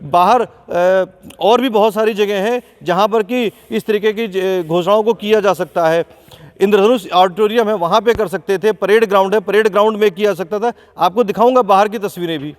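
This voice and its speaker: High-voiced male reporter in an echoing hall. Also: moderate pace. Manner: accusing, questioning tone. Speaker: field reporter. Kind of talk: on-the-spot news report. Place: large indoor sports hall. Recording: long echo of a big hall.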